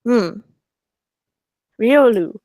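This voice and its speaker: A timid little female creature from a tabletop game, played by a woman, hesitant yet eager, chirping its own name over and over. The pitch sits raised, and the recording is dry and close. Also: expressive, very slow, a little mellow, no echo. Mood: determined.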